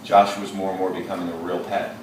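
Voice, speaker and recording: Heard through a distant mic, a male teacher with a deep voice reads his class a story at a slow, deliberate pace. He pauses to reason aloud and ask questions, while steady noise fills the very echoey classroom around him.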